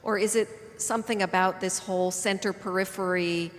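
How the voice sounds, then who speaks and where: A woman's voice: mid-range voice, steady tone, moderate pace. Woman asking a question in a hall. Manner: tentative, searching phrasing. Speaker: audience questioner. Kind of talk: conference Q&A question. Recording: lecture hall reverb.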